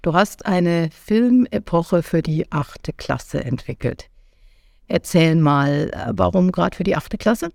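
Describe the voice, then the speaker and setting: Female podcast host, calm and curious, gravelly timbre, dry close mic. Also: lowish voice, slow pace, no echo. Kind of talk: interview questions.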